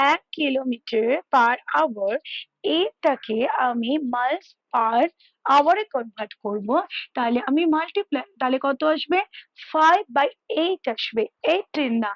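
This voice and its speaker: Woman math tutor, high voice, dry close sound, patient step-by-step explainer on a headset call from home. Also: fairly bright tone, dry recording, dull audio. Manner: explains step by step, checks in often. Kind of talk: casual tutoring over a call. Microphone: headphones.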